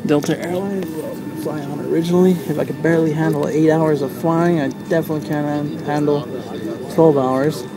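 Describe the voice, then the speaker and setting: A man's voice: on the high side, steady tone, brisk, over a noisy crowd. A man giving casual running commentary as a passenger filming from inside an airliner.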